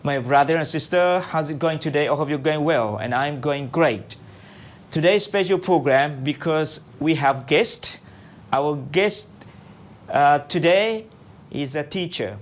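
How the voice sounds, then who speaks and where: A man's voice: on the high side, unhurried. A man hosting a radio interview programme. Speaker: radio host. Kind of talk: radio interview with formal religious greeting. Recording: clearly noisy radio programme recording.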